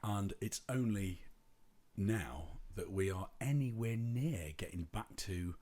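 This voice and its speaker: A man's voice: fairly low pitch, slow, mellow. A man co-hosting a podcast, chatting casually in a rambling, jokey way that often breaks off mid-sentence. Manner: rambling, self-interrupting, jokey. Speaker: podcast co-host. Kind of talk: casual chat.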